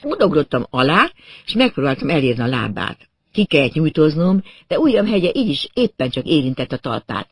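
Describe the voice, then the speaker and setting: Casting: man, first-person storyteller, animated pitch, dry close sound, audiobook. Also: slightly rough, no room sound. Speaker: audiobook narrator.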